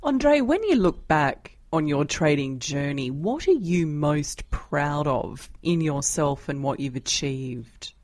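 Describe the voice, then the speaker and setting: A woman hosting a podcast, asking friendly, clear questions and signing off the show. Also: low-pitched, sing-song, slow, hardly any pauses, a little mellow, no room sound. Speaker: podcast host. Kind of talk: podcast interview and sign-off. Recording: dry close mic with faint music.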